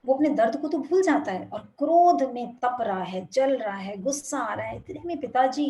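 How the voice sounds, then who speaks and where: A woman giving a spiritual talk over a video call, narrating a moral story gently and expressively. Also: high voice, animated, moderate pace. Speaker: spiritual speaker.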